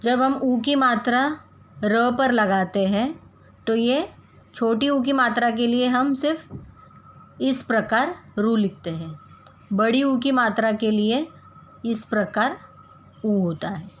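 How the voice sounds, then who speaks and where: A woman teaching young children a Hindi lesson, saying example words slowly and deliberately so they can repeat after her. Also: a little high. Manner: slow, carefully drawn-out pronunciation of example words. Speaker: primary school Hindi teacher.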